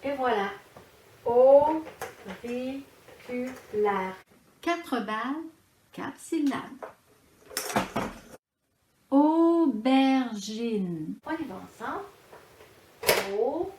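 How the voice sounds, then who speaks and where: Slow sing-song teacher woman, echoey room. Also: sits high, animated. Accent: Quebec French. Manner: slow, drawn-out, sing-song syllable clapping. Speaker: preschool teacher. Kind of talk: children's phonics lesson. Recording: echoey room with background noise.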